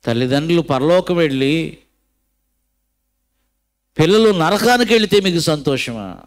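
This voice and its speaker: A man's voice: expressive, a little slow. Preaching man with dramatic swings. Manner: preaching with large swings of pitch and loudness, voicing the characters of his story. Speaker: pastor. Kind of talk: sermon with storytelling.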